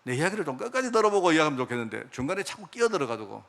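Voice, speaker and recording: A middle-aged male pastor preaching a sermon. He keeps asking the congregation questions and answering them himself, and he drops to a quiet aside at the ends of phrases. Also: a little high, sing-song, rapid-fire, creaky.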